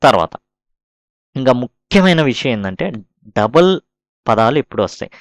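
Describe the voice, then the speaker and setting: A man teaches a recorded grammar lesson at an even middle pitch. He talks patiently, spelling words out and posing questions he answers himself. The sound is dry and close, with no room echo. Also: normal speed. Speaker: English teacher.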